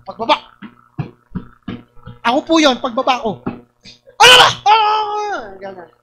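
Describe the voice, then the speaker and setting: A young woman pastor with a Batangas accent delivers a sermon in a high voice. She tells her stories with lively energy and often raises her voice to act out what people said. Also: normal speed, soft background music, rough recording. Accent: Batangas Tagalog. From Batangas, Philippines.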